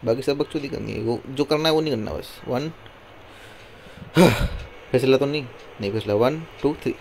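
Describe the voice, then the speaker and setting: A hoarse man giving casual gameplay commentary, pleading with and scolding his game character and counting one, two, three before each move. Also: medium pitch, moderate pace, a little mellow. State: hoarse throat. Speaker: gameplay streamer. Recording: noisy recording with mouse clicks.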